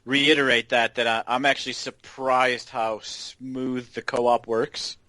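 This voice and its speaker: A man's voice: medium pitch, little pitch movement, sharp tone, dry recording. A man co-hosting a gaming podcast in casual chat, often repeating words as he gets going. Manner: halting, repeats words as he starts. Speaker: podcast co-host.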